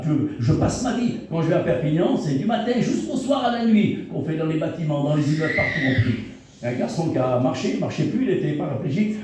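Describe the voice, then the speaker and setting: Mellow-voiced pastor preaching in an echoey hall. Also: male voice, on the high side, slight background noise. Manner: animated storytelling, acts out dialogue; repeats phrases for emphasis. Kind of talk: testimony sermon. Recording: very echoey hall, mic far off.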